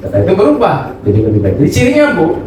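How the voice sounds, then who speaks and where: A man preaching a religious study lesson with a high voice. He talks lively, acts out little scenes and keeps questioning his listeners. The sound is echoey, with the mic far away and clear background noise. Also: fast. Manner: lively, acts out examples, asks audience questions. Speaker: Islamic preacher. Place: study gathering room. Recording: echoey room, distant mic, noisy.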